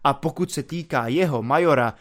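A man narrating a classic novel in a steady, measured storytelling voice. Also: fairly high pitch. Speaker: audiobook reader. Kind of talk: literary narration.

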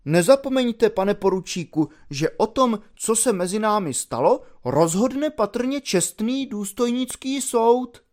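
A man voicing a pedantic, cool-headed young cadet in a storybook reading, lofty and raised in pitch. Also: lively intonation, hardly any pauses, darkish tone. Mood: stern.

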